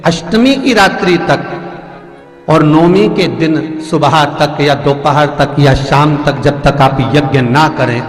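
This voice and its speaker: A man's voice: a little high, takes it slowly. A man giving a devotional sermon, asking the audience questions and counting off the days one by one. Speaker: religious storyteller preacher. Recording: echoey hall with music behind.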